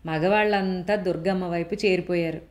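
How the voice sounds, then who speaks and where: A woman narrating a story in a steady, expressive reading voice. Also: fairly low pitch, moderate pace.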